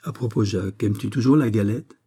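A man's voice: fairly low pitch, fairly quick, mellow, slightly rough. A man voicing an old, small and stocky wine grower with a cautious, mumbling manner. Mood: pleased. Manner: hesitant, mumbling at first.

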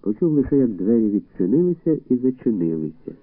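A man giving measured literary audiobook narration. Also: mid-range voice, big pitch swings, no room sound. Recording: tinny dry phone-like audio.

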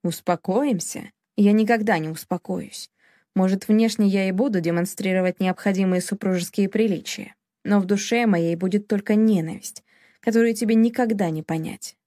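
A woman's voice: medium pitch, moderate pace, dark tone, no echo, clean studio sound, natural voice. A woman reading the part of a furious, scornful young husband who speaks harshly and commandingly. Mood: ядовито.

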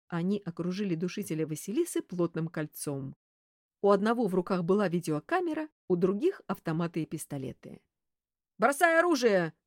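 A woman narrating an audiobook in an expressive, animated way. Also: on the low side, no room sound, clean studio sound. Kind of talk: audiobook reading.

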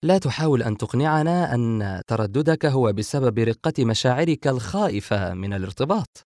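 A man's voice: medium pitch, lively intonation, brisk, a little mellow, no echo, studio quality, lightly acted. A man voicing a joking, sarcastic younger brother in an audiobook. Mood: wry. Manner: sarcastic, dismissive. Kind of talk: audiobook character voice.

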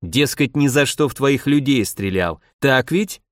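A man's voice: medium pitch, expressive, a little slow, no room sound, studio quality, close to an everyday voice. A man voicing a stern, imperious police chief who scolds and commands, in an audiobook reading. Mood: interrogating.

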